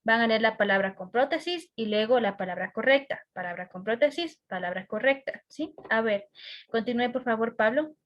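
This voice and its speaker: A woman's voice: on the high side, animated, moderate pace, muffled recording. An Ecuadorian woman teaching a class over a video call, patient and checking often that students follow. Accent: Ecuadorian Spanish.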